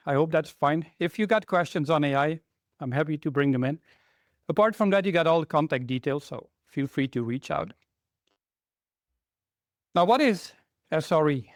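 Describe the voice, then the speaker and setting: A middle-aged Belgian man, a technical trainer, gives a chatty conference talk to a live audience and frequently puts questions to the room. His voice is a little high, captured as clean studio sound with no echo.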